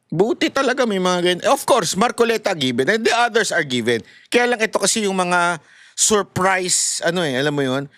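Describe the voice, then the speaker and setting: A middle-aged man with a Filipino accent giving animated, casual political commentary and laughing as he talks to his viewers. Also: sits high, normal speed, no room sound, studio quality.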